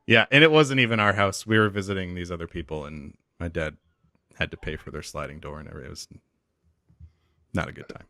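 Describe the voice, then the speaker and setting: A man co-hosting a podcast in casual chat, easygoing and quick to laugh. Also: low-pitched, sharp tone, no echo, studio quality. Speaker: podcast co-host.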